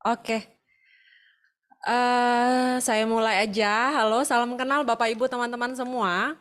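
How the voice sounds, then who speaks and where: A woman's voice: fairly high pitch, fairly even intonation, measured pace, a bit bright. A woman trading trainer giving a webinar presentation over a video call, speaking in a friendly, conversational way.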